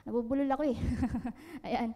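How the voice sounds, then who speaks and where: A woman speaks to a room in a high, bright voice, teasing her listeners and laughing at her own jokes. Her words ring out with a long hall reverb behind them, as in a seminar space. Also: fairly even intonation, normal speed. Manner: joking, laughing, asks listeners questions. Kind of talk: lively seminar talk.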